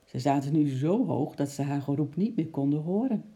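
A woman calmly reading a children's story aloud as the narrator. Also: low-pitched, normal speed.

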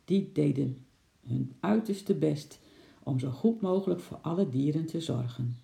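A narrator reading a children's storybook aloud in a calm storytelling manner, with a roomy echo. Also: mid-range voice, measured pace, creaky.

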